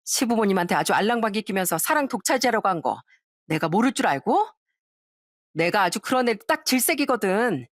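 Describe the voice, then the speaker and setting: Casting: a sneering, arrogant young sister-in-law, voiced by a woman, pitched high and lively. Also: a little fast, no echo, clean studio sound. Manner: sneering, contemptuous.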